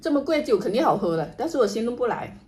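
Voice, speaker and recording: A woman chatting casually to camera while she eats and drinks, musing in an unhurried way with murmured asides. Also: a little high, very animated, darkish tone. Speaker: vlogger doing an eating and drinking livestream. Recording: noticeable background noise, home ambience.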